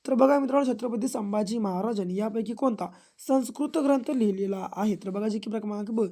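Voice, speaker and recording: A woman from Maharashtra, India, teaches exam preparation by walking through questions and repeating each answer. She keeps urging her listeners to memorize everything. Her voice sits somewhat high with a warm, mellow tone. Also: fairly quick. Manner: repetitive, drilling phrases, urges memorizing.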